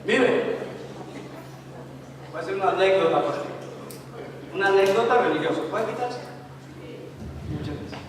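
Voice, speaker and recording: A man's voice: high-pitched, lively intonation, moderate pace, pauses often. A man preaching a sermon in a church, emphatic and full of storytelling with joking asides. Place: church hall. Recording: echoey hall, distant mic, noisy.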